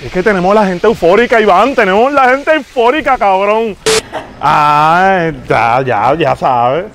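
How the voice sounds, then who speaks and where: A man's voice: high-pitched, lively intonation, measured pace, noisy background. A man with a Puerto Rican accent pranking people on the street as a pushy, self-important fake singer who calls everyone papi. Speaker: prank show host. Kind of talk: hidden-camera prank.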